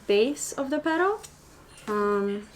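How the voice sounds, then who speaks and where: Speaking slowly in a slightly high, expressive voice, a woman who first learned Albanian runs a live-stream tutorial on paper flowers. She chats, reads viewer comments, and often restarts or fills pauses, and there's slight background noise.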